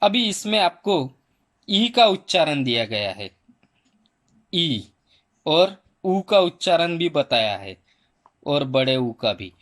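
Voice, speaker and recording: A man teaching a primary school Hindi lesson, slowly sounding out each letter and vowel sound for children. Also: fairly high pitch, big pitch swings, fairly bright tone. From India. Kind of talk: slow spelling lesson for children.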